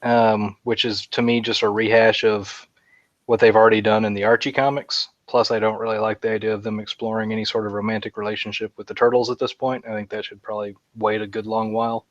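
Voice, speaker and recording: In a fairly low, flat voice, a podcast co-host talks fast in a loose, rambling chat. He gushes like an excited fan and uses many fillers. The recording sounds dry and muffled.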